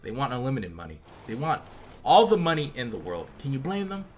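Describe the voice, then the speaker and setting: A young American man giving casual, slangy, animated commentary as he plays a video game. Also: medium pitch, fairly quick. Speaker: gaming video host. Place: indoor room at home, facecam. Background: game music.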